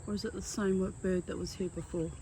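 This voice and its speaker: A woman's voice: on the low side, steady tone, fast. An Australian woman chatting casually and cooing baby talk to pet birds, with effusive, theatrical endearments. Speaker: bird owner filming a home video. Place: outdoors in a garden at home. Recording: insect and bird noise outdoors.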